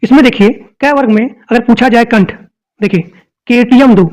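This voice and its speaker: A teacher walks through an exam-prep grammar lesson at a steady, mid-pitched level. The delivery is explanatory and repetitive, and each point is said twice while the teacher addresses the students directly. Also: moderate pace, low-quality recording.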